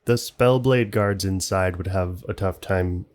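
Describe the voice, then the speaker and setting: A man's voice: deep voice, unhurried. A man acting as game master, improvising scene narration for a tabletop role-playing game in a conversational way. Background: background music.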